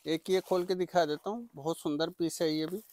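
A man presenting products for sale in an eager, repetitive teleshopping-style pitch. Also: fairly even intonation, normal speed, darkish tone. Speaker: saree seller presenting products. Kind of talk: product sales demonstration.

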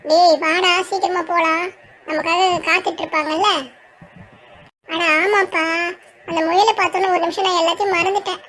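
Super high squeaky cartoon voice, village friends bickering. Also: level tone, normal speed, pauses often, pushed and bright, slight background noise. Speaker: cartoon storyteller voicing all characters. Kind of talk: cartoon story dialogue.

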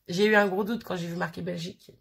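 A woman's voice: on the low side, creaky, a bit bright, husky. A woman in her thirties chatting casually as she unboxes a birthday parcel, rambling and giggly, with a sniffly nose. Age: 30s. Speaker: crafting vlogger.

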